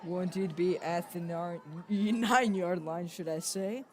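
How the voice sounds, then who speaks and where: A young man calling a high school football game, casual, leaning on stock phrases. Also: a little slow. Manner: casual, repeats stock phrases like "of course" and "indeed". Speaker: play-by-play commentator.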